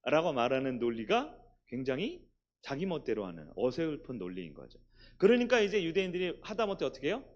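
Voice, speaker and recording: A man's voice: fairly high pitch, wildly swooping pitch, fairly quick, muffled recording. A male pastor preaching a sermon in church, asking the congregation questions and answering them himself.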